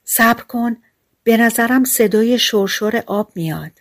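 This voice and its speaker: A woman's voice: on the high side, pitched above the performer's own voice. A woman reading as a thirsty little boy. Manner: weary, insistent. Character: young boy, thirsty stubborn little brother. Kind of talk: storybook reading.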